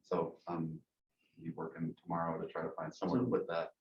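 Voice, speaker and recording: A man with a very low voice talks casually about district funds, rambling a little and full of fillers. His voice rings in an echoey meeting room. The sound is dull and lo-fi, with faint hiss. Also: flat delivery, fairly quick.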